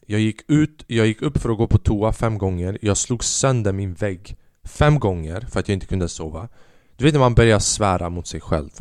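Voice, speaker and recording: A man's voice: darkish tone, no echo, clean studio sound. Rambling self-mocking young man podcaster. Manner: rambling, self-mocking, acts out quotes in a higher voice. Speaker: podcast host. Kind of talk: casual storytelling monologue.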